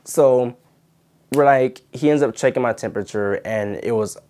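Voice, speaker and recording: A man's voice: medium pitch, moderate pace, warm tone. A young man telling a story to camera in a casual, indignant way, full of "like" and "you know". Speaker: channel host and former videographer.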